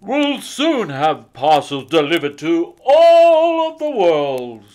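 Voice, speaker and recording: A man voicing a jolly old Santa Claus in a storybook, hearty and booming, with drawn-out exclamations. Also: big pitch swings, darkish tone. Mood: laughing, merry.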